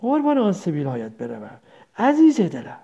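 A woman's voice: fairly low pitch, huge pitch swings, gravelly, mellow, husky, voice pushed down, exaggerated voice. A woman voicing an old village mother who rambles tenderly and laments her son, on a dull lo-fi recording. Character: old village mother, grieving, confused, doting.

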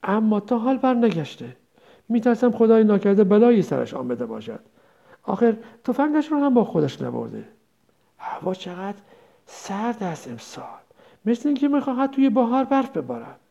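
A woman's voice: mid-range voice, sing-song, creaky, warm tone. A woman voicing an old village mother who rambles tenderly and laments her son, on a dull lo-fi recording. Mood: rambling worry. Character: old village mother, grieving, confused, doting.

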